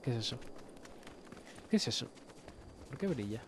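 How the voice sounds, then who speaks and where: A man from Spain with a Spanish accent, streaming a game live with friends, excitable and repeating his calls out loud. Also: mid-range voice, normal speed, background noise. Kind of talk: live gaming chat.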